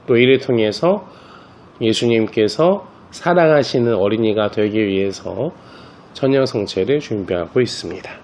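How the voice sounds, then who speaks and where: Priest telling children a story. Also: male voice, fairly low pitch, normal speed, slight background noise. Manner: relaxed storytelling, talks directly to the children. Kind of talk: catechism class for children.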